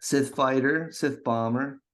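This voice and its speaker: A man's voice: mid-range voice, slow pace, a bit bright. A man co-hosting a podcast in casual chat, teasing and ribbing his partner with jokes. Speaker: podcast co-host.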